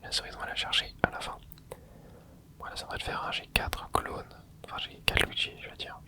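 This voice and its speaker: A man who hosts an ASMR gaming channel whispers soft, casual commentary to himself while playing a video game. He talks a little fast and peppers his remarks with gamer slang.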